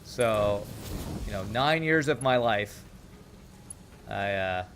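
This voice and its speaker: His fairly low, slightly bright voice is animated yet slow, with a little background noise behind it. The gaming channel host narrates his gameplay in a relaxed way, showing a slight Texas twang from growing up there after age nine, having come from California. He thinks aloud and drops mumbled asides.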